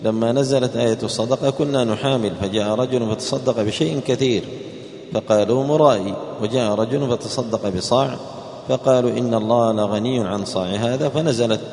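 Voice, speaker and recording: A man's voice: steady tone, brisk, a little mellow. A man teaching Quran exegesis, posing rhetorical questions and answering them, and raising his voice sharply for quoted speech. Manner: raises pitch and volume sharply for quoted speech. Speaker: Islamic teacher. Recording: echoey hall with long reverb.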